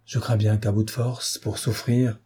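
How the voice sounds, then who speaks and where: A man's voice: lowish voice, level tone, normal speed, warm tone, breathy edge. A man reading aloud who voices a loyal, earnest sailor recounting events in a solemn way. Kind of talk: audiobook character reading.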